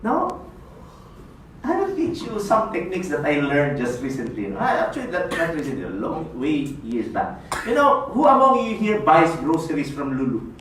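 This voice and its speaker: A man's voice: on the high side, wildly swooping pitch, normal speed, fairly bright tone. A man from the Philippines giving a playful motivational seminar talk, often asking the audience "no?" and laughing. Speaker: network marketing speaker. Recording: echoey room, voice from far off, faint hiss.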